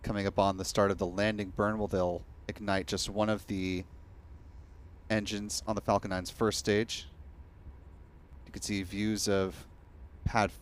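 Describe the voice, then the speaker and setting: Low, even-toned male launch commentator. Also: measured pace, pauses often. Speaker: live launch broadcast commentator. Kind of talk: measured live commentary.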